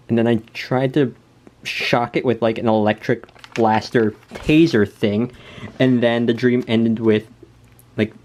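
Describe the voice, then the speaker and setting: A man's voice: fairly low pitch, darkish tone. A young man rambling casually in a hesitant, self-deprecating, nerdy way, now and then reading out notes. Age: young adult. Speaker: video creator. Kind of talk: casual rambling chat, reading out journal entries.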